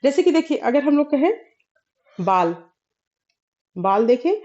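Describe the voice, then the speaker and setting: A woman with a fairly high but mellow voice and lively intonation teaches a Hindi grammar lesson, explaining slowly with many fillers and pauses and often clearing her throat. The audio sounds dull and lo-fi.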